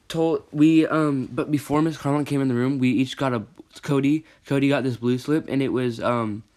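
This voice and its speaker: Teen guy storyteller, casual vlog, rambling delivery, gets worked up. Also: medium pitch. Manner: rambling, self-correcting, rising to agitated emphasis.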